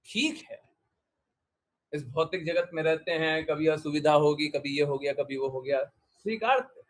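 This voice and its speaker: A man's voice: on the high side, normal speed. A man giving a devotional discourse, exhorting his listeners with repeated short commands and questions. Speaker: spiritual teacher.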